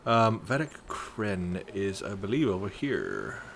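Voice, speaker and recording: Chatty man with a bright, low voice. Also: wildly swooping pitch, slow pace, vocal fry, a little hiss or hum. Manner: chatty, jokey, reads text aloud. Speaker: gameplay commentator. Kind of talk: casual let's play commentary.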